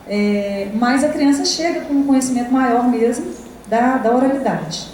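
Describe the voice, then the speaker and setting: A woman's voice: a little high, moderate pace, darkish tone. Brazilian woman lecturing in an echoey hall. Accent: Brazilian Portuguese. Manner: conversational, many tag questions and fillers. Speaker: university lecturer. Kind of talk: academic lecture to teachers. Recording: echoey hall, distant, faint noise.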